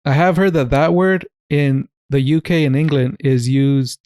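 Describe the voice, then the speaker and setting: A man co-hosting a casual podcast, with a voice pitched a little high for a man. He jokes, laughs often and swears freely. The sound is dry and close to the mic. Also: unhurried, darkish tone, smooth, no room sound. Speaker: podcast co-host. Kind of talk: casual chat.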